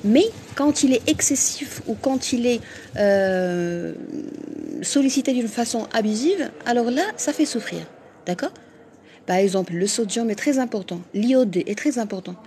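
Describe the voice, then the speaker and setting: A woman's voice: on the high side, lively intonation, a little slow, dark tone, a little hiss or hum. A woman doctor from Morocco hosting a live stream, answering viewers' comments frankly, with frequent fillers and restarts.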